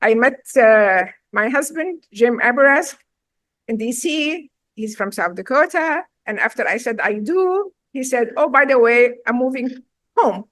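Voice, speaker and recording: A woman's voice: on the high side, animated, measured pace, fairly bright tone, no room sound. A middle-aged woman from Syria with a Syrian accent, a chef and restaurant owner telling her story in a casual interview, emphatic and direct.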